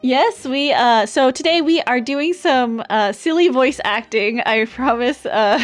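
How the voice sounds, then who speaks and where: A woman's voice: high voice, a little slow. A woman streamer chatting casually on a livestream in a cute, bubbly anime-streamer manner. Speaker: streamer, variety VTuber hosting a voice-acting stream. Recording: music behind the voice. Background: music.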